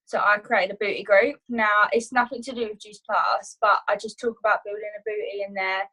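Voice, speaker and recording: A woman's voice: medium pitch, steady tone, brisk, bright, forceful tone, low-quality recording. A woman talking casually on a video call, sharing her business tips as a guest trainer, chatty, with many fillers and restarts. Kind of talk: casual online training talk.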